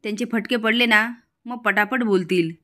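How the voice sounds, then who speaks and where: A woman's voice: medium pitch, fairly even intonation, moderate pace, sharp tone, close to an everyday voice. A woman voicing a haughty, rude young rich woman who scolds and insults her servants. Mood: scornful.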